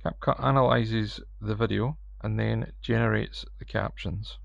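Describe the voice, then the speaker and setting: A man with a broad Scottish accent talks through a casual tutorial. His voice sits fairly low and is full of gravelly creak. It is recorded in an echoey room. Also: steady tone, a little slow. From Scotland. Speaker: tutorial host. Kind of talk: casual step-by-step video tutorial narration. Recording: echoey room, slightly dull sound.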